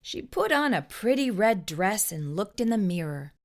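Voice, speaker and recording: A woman narrating a children's storybook in an expressive, deliberate way as a storyteller. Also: mid-range voice.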